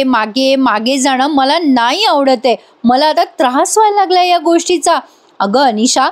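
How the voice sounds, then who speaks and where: Woman voicing a heartbroken young woman. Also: high voice. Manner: emotional, pleading, drawn-out. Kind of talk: voice-over retelling of a TV serial.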